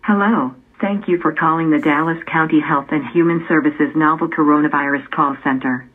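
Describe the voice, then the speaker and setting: A woman reading recorded phone menu options in a measured way. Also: low-pitched, breathy edge. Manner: measured, spells out letters. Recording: tinny phone line.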